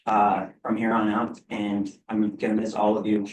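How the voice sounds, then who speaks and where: Young man's halting farewell speech. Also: fairly low pitch, monotone, a little hiss or hum. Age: 20s. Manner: grateful, halting with many fillers. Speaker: senior athlete giving a speech. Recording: roomy, from a distance.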